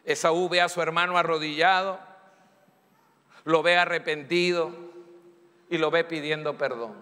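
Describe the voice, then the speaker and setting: A man preaches a sermon from the pulpit, emphatic and dramatic as he acts out pleas and excuses. His voice sits high and rings bright. The long echo of a church hall trails every phrase. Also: fairly even intonation, a little slow. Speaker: pastor.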